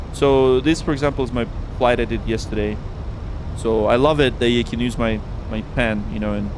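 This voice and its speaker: A man giving chatty, casual live-stream commentary as a flight simulator pilot, thinking aloud. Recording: noisy, constant cockpit rumble. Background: aircraft cockpit rumble.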